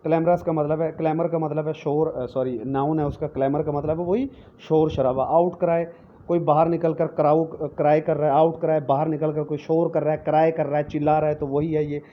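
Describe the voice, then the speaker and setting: A man teaching English vocabulary in a recorded lecture, explaining each word slowly with many repetitions and frequent check-ins. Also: on the high side, flat delivery. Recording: dull lo-fi lecture recording with faint noise.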